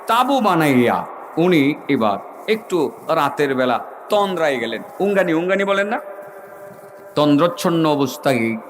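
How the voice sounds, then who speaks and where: A male preacher with a fairly high voice delivers a dramatic sermon. He acts out the voices of the people in his story and turns to ask his listeners questions. Faint noise sits behind him. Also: big pitch swings, normal speed, long pauses.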